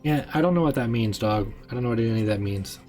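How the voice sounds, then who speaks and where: Rambling young game master, faint music under. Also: male voice, mid-range voice, fast talker. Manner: rambling, filler-heavy, excitable. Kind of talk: casual chat on a live stream.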